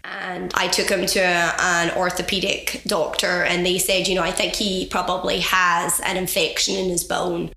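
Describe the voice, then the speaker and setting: A woman's voice: fairly low pitch, flat delivery, moderate pace, creaky, hardly any pauses, bright, forceful tone, a little hiss or hum. A woman from the west coast of Scotland with a Scottish accent and a cold, earnestly telling her story as a podcast guest. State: has a cold. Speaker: guest, charity founder. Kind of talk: conversational interview. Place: office. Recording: roomy office recording.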